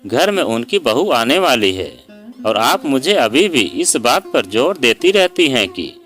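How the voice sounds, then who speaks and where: A proud young daughter-in-law who is done staying quiet, as a male storyteller puts her on. She speaks slowly, with a voice that rises and falls a lot. Soft sitar plays behind her. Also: medium pitch, very animated, faint music behind. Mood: firm. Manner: sarcastic and pleading by turns. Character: hurt, outspoken young Indian daughter-in-law.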